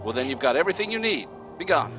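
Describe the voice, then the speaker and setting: A gravelly, grumbling old crone of a witch played by a man at a tabletop game, pitched up high. The voice is irritable and curt, with clipped folksy phrasing, and music plays clearly behind it. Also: big pitch swings, fast, dull audio. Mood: grumbling, indignant. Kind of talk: in-character tabletop role-play.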